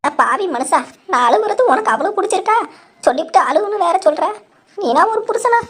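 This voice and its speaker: A woman voicing a quick-tongued, dramatic young daughter-in-law in a cartoon, sassy and defiant. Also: sits high. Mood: whining. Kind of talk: cartoon voice acting.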